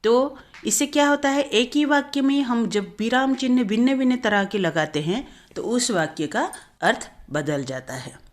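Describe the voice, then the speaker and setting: A woman's voice: on the high side, lively intonation, normal speed. Woman teaching a grammar lesson. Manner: explains step by step, repeats and self-corrects.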